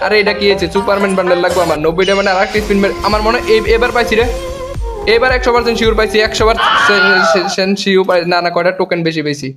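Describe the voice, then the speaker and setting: A young man with a Comilla Bengali accent races through his gameplay commentary with a high, bright voice and barely pauses for breath. He jokes and teases the players he meets. Game music plays loudly behind him. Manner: excitable, joking, taunts opponents. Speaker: gaming YouTuber.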